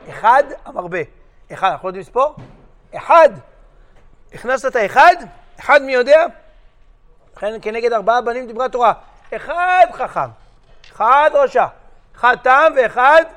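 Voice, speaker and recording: High-voiced animated rabbi storyteller. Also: male voice. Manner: lively storyteller, switching voices for characters, jokey. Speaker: rabbi giving a lecture. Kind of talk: animated sermon with acted-out stories.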